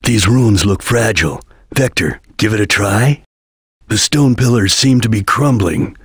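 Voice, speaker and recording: A serious ninja chameleon from a video game. The voice is heavily husky and breathy, recorded close and dry. The delivery is solemn, terse and watchful, with a disciplined formality. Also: male voice, lowish voice, measured pace, dry recording. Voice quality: husky, gravelly. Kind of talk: English video game voice acting.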